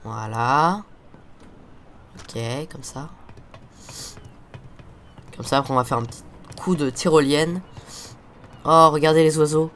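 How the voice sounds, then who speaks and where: A stuffy-nosed teenage boy hosts a relaxed let's-play, going on at length and swearing at the game. His fairly bright voice is on the high side, and he talks slowly with many pauses.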